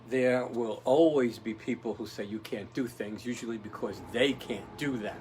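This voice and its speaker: A man's voice: mid-range voice, normal speed, a little mellow, slight background noise, rough recording. A man giving a casual motivational talk, rambling and tough-talking, often checking in with "right?". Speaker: motivational speaker.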